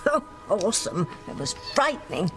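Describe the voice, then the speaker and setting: A woman plays a conspiratorial old witch in a daytime soap. She is theatrical and falsely sweet at a middling pitch. Dramatic music runs behind the voice. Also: big pitch swings, normal speed, natural voice. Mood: anxious, scheming. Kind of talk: daytime soap opera acting. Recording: music under the dialogue.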